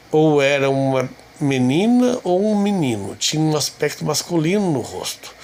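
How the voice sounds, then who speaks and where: A man reading a translated sermon aloud, telling a testimony in a steady, measured way. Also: fairly high pitch.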